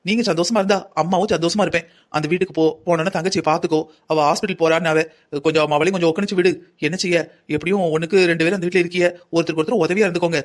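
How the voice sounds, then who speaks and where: Guy voicing a stern mother in a cartoon, pitched way up, keeps lecturing her daughter. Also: steady tone, racing, natural voice. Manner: lecturing, scolding, rhetorical questions. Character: stern middle-aged mother, scolding, proud of her son. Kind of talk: cartoon story voice acting.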